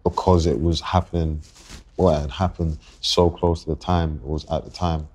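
A man in his twenties with a London accent, a guest on a podcast interview, talking reflectively and haltingly and often restarting his thoughts. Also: rumbling low, little pitch movement, a little mellow, slightly rough. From England. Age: 20s. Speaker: guest rapper.

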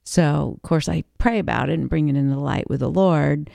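Woman, podcast co-host, earnest storyteller, gravelly edge, dry close sound. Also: deep voice, a little fast, warm tone, dry recording. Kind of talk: faith-based conversational podcast.

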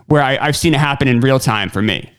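A man's voice: mid-range voice, fast talker, fairly bright tone, smooth. A man hosting a podcast, talking in a rambling, chatty way full of "like" and "um", and reading his own sponsor spots. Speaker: podcast host. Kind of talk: casual film discussion.

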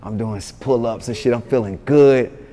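A man tells stories in a relaxed interview. His voice is mellow and dark, and the hall gives it a long reverb. He talks loosely and excitedly, swears, and keeps adding "you know what I'm saying". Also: mid-range voice, moderate pace. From Atlanta, born in Yonkers. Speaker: interview guest, rapper. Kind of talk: casual storytelling interview.

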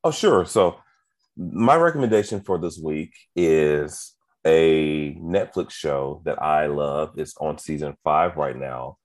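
A man co-hosting a relaxed podcast chat, expressive and quick to laugh. His voice is low but moves lively through its range. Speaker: podcast co-host. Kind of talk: casual chat.

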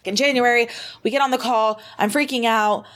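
A young woman in her twenties, a model guest on a podcast, telling her story in a casual, animated way with lots of fillers and swearing. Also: fairly high pitch, a little fast.

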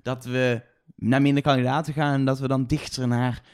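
A man's voice: mid-range voice, little pitch movement, normal speed, a little mellow, smooth. A man co-hosting a podcast, chatting casually about a TV show. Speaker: podcast co-host. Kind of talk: casual chat discussing a TV show.

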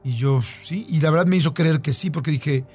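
A man with a Mexican accent tells a long personal story in a relaxed podcast chat. He is lively, leans on fillers and repeats himself, and his voice sits slightly high. Faint music plays behind him. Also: fairly quick, breathy edge.

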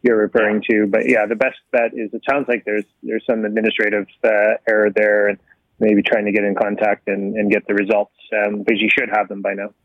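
A man on a radio panel, calmly explaining to a caller. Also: lowish voice, a little fast, no echo, lo-fi sound. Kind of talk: radio discussion.

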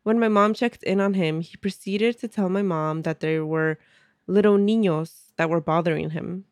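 A woman's voice: on the low side, moderate pace, no echo, studio quality. A woman hosting a podcast who sounds stuffy and nasal from a cold, chatting casually, laughing easily and reading a listener's story aloud. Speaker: podcast host.

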